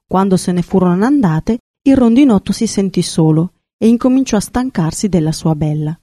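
A woman narrating a fairy tale in a calm, measured storybook reading. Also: medium pitch, no echo, clean studio sound.

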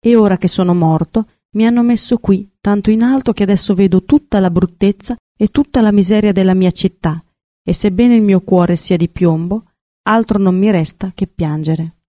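A woman's voice: mid-range voice, moderate pace, dark tone, no echo, clean studio sound, close to an everyday voice. A woman voicing a sorrowful male prince turned golden statue in a storybook reading. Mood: mournful.

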